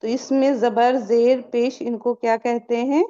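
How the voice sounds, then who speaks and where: A woman with a fairly high voice leads a recitation class for women. She keeps firing questions at her learners and answers them herself. The recording sounds dull and lo-fi. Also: little pitch movement, mellow. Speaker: Quran recitation teacher. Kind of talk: online tajweed class for women.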